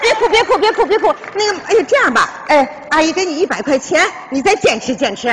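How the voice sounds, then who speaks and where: A flustered, scheming mother. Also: very high-pitched. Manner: quick-witted, flustered, full of exclamations. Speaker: mother in a stage sketch. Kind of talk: stage comedy sketch. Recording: stage recording with steady noise.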